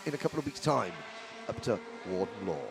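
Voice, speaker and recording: A man's voice: on the low side, animated, brisk. A man commentating live on motorsport, with chatty, jokey, rambling asides. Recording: outdoor trackside with clear engine noise.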